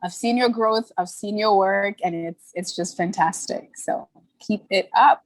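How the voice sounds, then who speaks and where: A young brand founder, born in Ghana and raised in Toronto, tells her story as a podcast guest in a casual interview. Her mid-range voice is earnest and candid, and she laughs easily. The recording is dry and low in quality.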